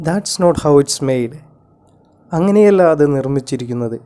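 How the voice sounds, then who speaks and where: A man's voice: mid-range voice, expressive, unhurried, warm tone, close to an everyday voice. A man reading as a nervous, earnest inventor father. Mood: calm.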